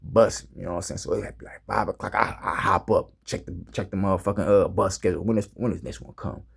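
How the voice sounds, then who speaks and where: A man's voice: deep voice, fairly even intonation, fast talker, creaky, husky. A young man casually telling a gym story to his viewers in a laid-back, slangy way. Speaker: fitness vlogger.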